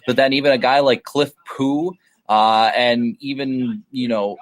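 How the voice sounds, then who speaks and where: A man's voice: medium pitch, fairly even intonation, unhurried. Casual man talking hockey prospects. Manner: hedging, filler-heavy analysis. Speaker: podcast co-host. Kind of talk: casual sports podcast chat.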